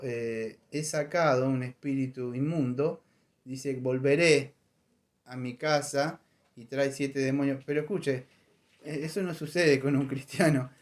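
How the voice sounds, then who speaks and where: A man preaching a conversational sermon in a church, animated and acting out voices in his stories. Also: mid-range voice, unhurried. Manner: animated, acts out voices in anecdotes. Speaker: pastor.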